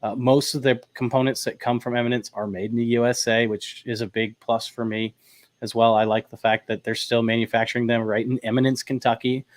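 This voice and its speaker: A man hosting a casual chat, talking in a relaxed, rambling way with many fillers and restarts. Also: mid-range voice, brisk, dry recording. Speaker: host. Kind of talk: casual chat about audio gear.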